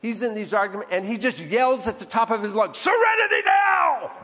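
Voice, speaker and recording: A pastor preaches a sermon in a high, brisk voice with a big-room sound. He's conversational, often adding "right?" to check in with and draw in the congregation.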